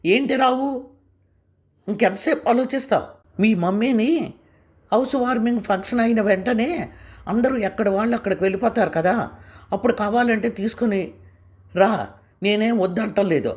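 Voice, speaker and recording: A woman voicing a sharp-tongued, proud young wife who talks in a raised, cutting way. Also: mid-range voice, animated, normal speed, long pauses, pitched above the performer's own voice, natural voice. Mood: scornful.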